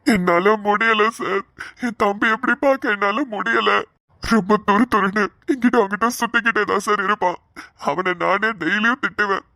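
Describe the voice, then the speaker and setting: A woman's voice: mid-range voice, normal speed, pushed and bright, no room sound, clean studio sound. A woman voicing a young man in a cartoon, an elder brother who pleads tearfully for his little brother. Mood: pleading tearful. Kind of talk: cartoon voice acting.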